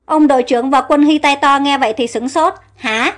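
A woman narrating an audio story in a steady, plain storytelling manner. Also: high-pitched, fairly quick, soft background music.

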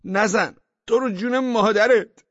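A man voicing a brash, cheating man who loudly and indignantly defends himself, in a storybook reading. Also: sing-song, breathy edge, no echo, highs cut off. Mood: pleading. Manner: loud, indignant, high-strung.

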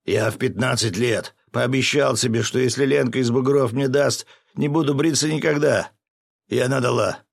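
A man voicing a stubborn, loud male fisherman in an audiobook, whining and shouting his protests. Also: medium pitch, big pitch swings, unhurried, vocal fry, dry recording, studio quality, pitched above the performer's own voice, heavily acted. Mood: protesting. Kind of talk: audiobook character voice.

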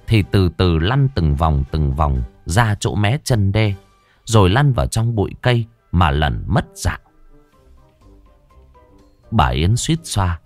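A man narrating a comic folk tale in a playful, exclamatory way. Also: low voice. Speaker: storyteller.

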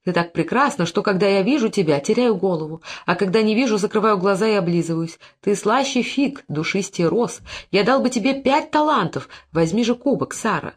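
A reader voicing a scheming, flattering Phoenician moneylender in an audiobook, oily and wheedling in manner. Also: medium pitch, brisk, hardly any pauses, lightly acted. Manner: oily flattery turning to angry cursing. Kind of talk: audiobook character reading.

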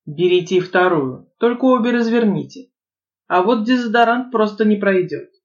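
A man's voice: high voice, animated, normal speed, muffled recording. A woman reader voicing a sarcastic, mocking young man in an audiobook. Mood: teasing. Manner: teasing, snide.

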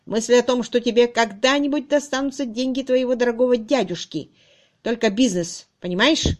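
A coarse, cruel young farmhand barks and sneers at full volume, read out by a woman in an audiobook. The voice is harsh and mocking, sitting on the higher side for a man. It is a plain studio reading with nothing behind it. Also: normal speed, lightly acted. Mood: sneering, cruel.

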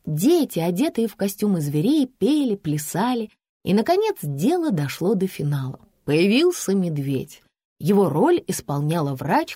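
A woman narrating a humorous story in the first person with expressive, ironic delivery. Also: fairly low pitch, husky, no room sound, clean studio sound. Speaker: audiobook narrator.

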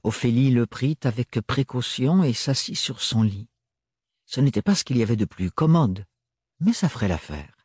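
A man narrating a novel as an audiobook in a measured, even storytelling manner. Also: mid-range voice, husky, no echo, studio quality. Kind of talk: scripted narration.

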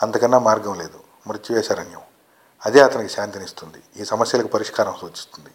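A man reading a short story aloud as narrator, in a steady, earnest way. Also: fairly low pitch, fast. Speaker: story reader.

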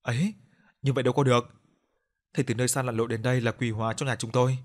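A man voicing a grieving older father who shouts abruptly in an audio story. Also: medium pitch, steady tone, rapid-fire, close to an everyday voice. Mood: polite.

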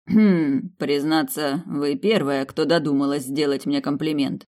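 A cool, mocking young prince from a fantasy audiobook, voiced by a woman. He speaks drily and lightly teases. The voice sits deep and low. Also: fairly even intonation, measured pace, a little mellow. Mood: cool, wry.

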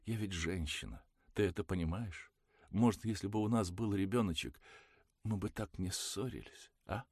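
A tired young woman near tears, pleading softly in a husky low tone over a dry close mic, as a male audiobook reader puts her on. she sounds worn out and pleading rather than angry. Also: moderate pace, dry recording. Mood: plaintive. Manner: pleading, plaintive, quiet. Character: weary tearful young woman, tired of quarrels.

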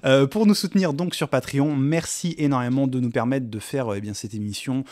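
A man's voice: mid-range voice, brisk, a little mellow. A man hosting a podcast in casual chat, laughing easily and trailing off with fillers. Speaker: podcast host.

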